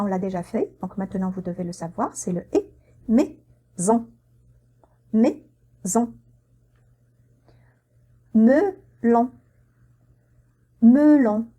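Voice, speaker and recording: A woman teaching French pronunciation, spelling out words letter by letter and repeating each one slowly and carefully. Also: on the high side, dark tone. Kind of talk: slow, careful pronunciation lesson.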